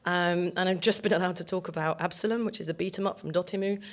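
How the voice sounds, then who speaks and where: A woman's voice: on the low side, steady tone, quick pace. A woman actor introducing herself on a conference panel in a wry, self-deprecating way. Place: conference stage.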